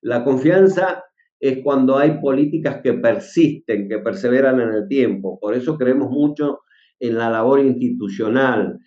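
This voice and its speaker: A man, a farm-sector leader, answering interview questions in a measured, earnest way. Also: medium pitch, mellow, echoey room, lo-fi sound. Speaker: agricultural sector leader, guest.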